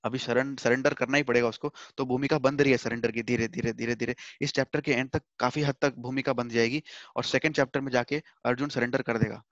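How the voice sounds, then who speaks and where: A man's voice: mid-range voice, steady tone, quick pace, fairly bright tone, no echo, lo-fi sound. A man teaching a Hindi scripture class online from home, explaining patiently, repeating points and mixing in English words.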